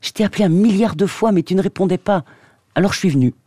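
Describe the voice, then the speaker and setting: A man doing an upset teenage boy, higher. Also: quick pace, mellow, no room sound, studio quality. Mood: pleading. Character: angry hurt teenage boy.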